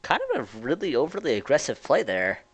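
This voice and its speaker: A man doing relaxed color commentary on an esports match, easygoing and quick to laugh. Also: medium pitch, breathy edge. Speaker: esports co-caster.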